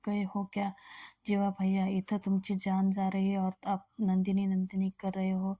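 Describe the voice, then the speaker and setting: A woman's voice: mid-range voice, monotone, normal speed, dark tone, natural voice. A woman reading a frantic loyal helper lad. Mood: pleading. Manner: pleading, mixing in Hindi phrases. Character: loyal young male helper, frantic and pleading.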